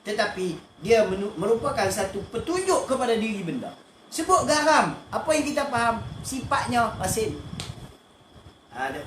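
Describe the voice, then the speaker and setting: A man's voice: very high-pitched, very animated, moderate pace, a bit bright. A man with a Malaysian Malay accent teaching an online religious class, often asking questions and answering them himself. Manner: asks and answers his own questions, repeats short fillers. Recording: echoey room, faint background noise.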